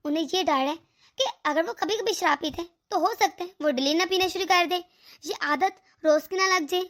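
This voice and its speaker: A woman's voice: extremely high pitch, moderate pace, fairly bright tone. A woman voicing a middle-aged mother-in-law in a cartoon who fusses over and soothes her daughter-in-law. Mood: soothing. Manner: fussing, coaxing. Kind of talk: cartoon voice acting.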